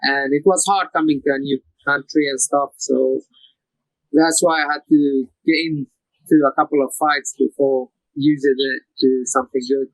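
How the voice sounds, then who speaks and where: A young man from Iraq, an MMA fighter, answering interview questions over a call in a relaxed, plain way with frequent "you know". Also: medium pitch, normal speed, no room sound, poor audio.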